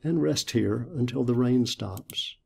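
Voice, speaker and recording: A man's voice: medium pitch, measured pace, vocal fry, slightly rough, heavily acted. A man voicing an anxious, devoted male bird in a storybook reading, speaking earnestly. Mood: weary.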